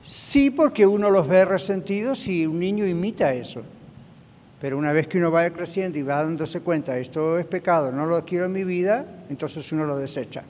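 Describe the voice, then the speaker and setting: A man's voice: on the high side, normal speed, a little mellow, slight background noise. A man preaching a sermon, emphatic, often checking in with his congregation with short tag questions. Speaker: pastor. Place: church hall. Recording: reverberant hall.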